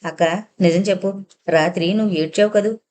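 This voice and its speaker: A woman's voice: mid-range voice, steady tone, brisk, mellow, lightly acted. A woman voicing earnest young man Yogi. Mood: pleading.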